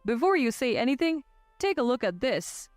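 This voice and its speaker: A woman reading the lines of a cold, domineering young husband who barks short, bossy orders. The voice sits fairly high and dry, close to the mic with no room sound, and soft music plays behind it. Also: big pitch swings, normal speed, no echo. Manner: curt and bossy. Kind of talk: scripted storytelling.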